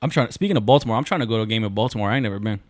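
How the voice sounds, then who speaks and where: A young man co-hosting a podcast, chatting loosely and jokingly in slangy talk, now and then slipping into quick impressions of other people. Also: lowish voice, expressive, no echo, clean studio sound. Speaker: podcast co-host. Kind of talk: casual chat.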